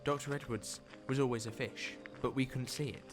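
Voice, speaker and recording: A man voicing an eccentric alien time-traveling detective in an audio drama, witty and showy. His pitch sits in a middle register. He unspools his deductions with theatrical relish. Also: fairly even intonation, over music, close to an everyday voice. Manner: theatrical, quick-witted, fond of grand explanations. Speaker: lead character. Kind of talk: fan audio drama acting.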